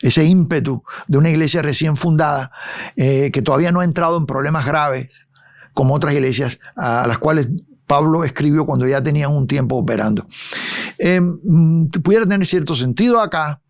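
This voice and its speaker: Guy teaching bible verse by verse, voice a bit on the high side, keeps asking if you follow. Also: moderate pace. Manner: conversational, checks in with listeners. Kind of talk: expository Bible study.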